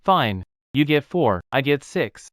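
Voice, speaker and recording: An actor playing a young, proud fruit tree breeder who talks steadily and bluntly in a dubbed drama. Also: male voice, medium pitch, sing-song, slow pace, a bit bright, dry recording, studio quality. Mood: businesslike. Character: proud self-made durian grower, young man, calm and firm.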